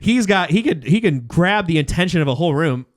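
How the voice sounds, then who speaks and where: This podcast host, who runs a comedy show, talks fairly quickly in a fairly high voice with lively intonation. It's casual chat: animated stories peppered with slangy swearing and dialogue he performs.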